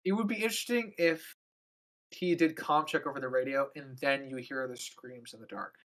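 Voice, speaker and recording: Podcast cohost, mid voice, laughs a lot, trips over words when excited. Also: medium pitch. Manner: laughs often, stumbles into quick bursts. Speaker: podcast co-host. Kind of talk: casual chat.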